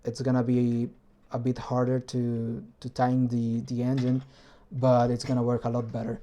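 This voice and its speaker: Casually walking through his hobby engine build for a vlog, a native Spanish speaker with a Spanish accent frequently stops to search for words in his second language. He speaks in a monotone with a medium, warm voice, and the recording is muffled.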